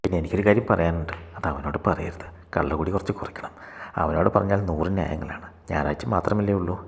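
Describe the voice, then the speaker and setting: A man voicing a worried middle-aged mother who speaks softly and pleadingly. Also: low-pitched, fast talker, gravelly. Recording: long hall reverb.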